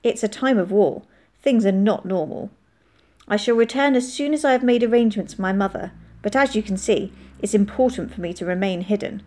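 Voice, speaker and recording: A woman with a medium-pitched, mellow voice speaks briskly and with light acting as she voices a character in an audiobook. The character is a young soldier hiding in a barn who is polite, guarded and earnest, using careful, formal phrasing. The mood is earnest and worried.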